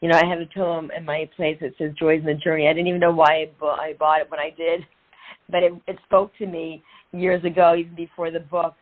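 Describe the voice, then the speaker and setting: A middle-aged woman talks quickly in a deep, level voice as a guest in a conversational interview, where she's a transformational and women's empowerment coach. Her motivational storytelling is earnest and inspiring, with phrases repeated for emphasis, and the sound is narrow, like a phone.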